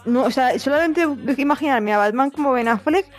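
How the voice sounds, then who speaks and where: A woman's voice: high voice, fairly quick, soft background music. A woman with a Spain Spanish accent in a casual film chat, frank and slangy.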